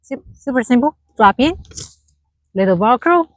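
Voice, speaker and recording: A woman's voice: fairly high pitch, lively intonation, moderate pace, no echo. A woman narrating a casual hands-on product test outdoors on a boat, speaking in short broken remarks as she works. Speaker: product demonstrator. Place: outdoors on a small motorboat on the water. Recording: noisy outdoor boat recording. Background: boat and water noise.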